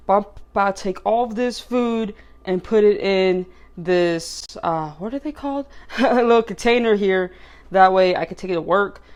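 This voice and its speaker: A young woman chatting casually through a food vlog, talkative and animated, laughing often. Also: medium pitch. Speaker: vlogger. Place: in her car, then at home.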